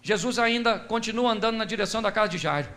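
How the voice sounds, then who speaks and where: A man preaching a lively sermon in a Brazilian accent, telling the story with jokes and acting out the people in it. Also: high voice, quick pace. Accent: Brazilian Portuguese. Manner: animated storytelling, acts out quoted voices, jokes. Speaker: pastor. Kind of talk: lively sermon with humorous asides.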